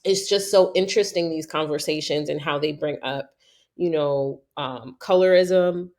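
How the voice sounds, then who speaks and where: A woman's voice: low-pitched, moderate pace, a little mellow. A woman from New York hosting a casual interview, talking in a thoughtful, conversational way. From New York, USA. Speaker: podcast host.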